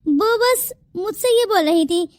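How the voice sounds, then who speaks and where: A woman voicing the family of a cartoon story in quick, bickering domestic chatter. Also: very high-pitched, lively intonation, dry recording, studio quality. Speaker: narrator voicing all family roles. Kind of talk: cartoon voice acting.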